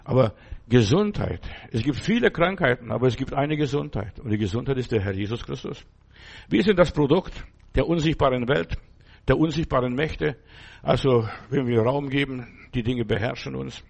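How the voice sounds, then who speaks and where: Gravelly middle-aged man preaching. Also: mid-range voice, lively intonation, normal speed, a little mellow. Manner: earnest, repeats phrases with many tag questions. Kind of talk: sermon.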